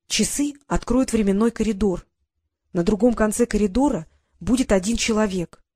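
A woman's voice: mid-range voice, moderate pace, dark tone, husky, no echo, studio quality, lightly acted. Woman reading a nervous secretive brother. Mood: urgent. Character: anxious young brother, secretive and touchy.

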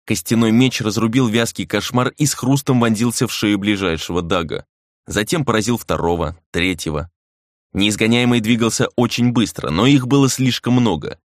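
Low-voiced man narrating dark fantasy. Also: moderate pace, no room sound, clean studio sound.

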